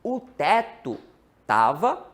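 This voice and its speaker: Animated Brazilian trading instructor, man. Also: a little high, drawn-out words. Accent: Brazilian Portuguese. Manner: animated, asks and answers his own questions, calls out to viewers. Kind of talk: live-streamed trading lesson.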